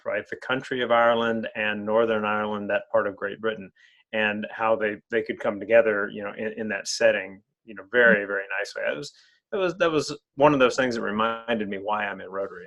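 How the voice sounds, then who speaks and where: A man's voice: lowish voice, fairly quick, creaky, fairly bright tone, dull audio. A man interviewing a guest in an online club meeting, who often repeats words while searching for phrasing.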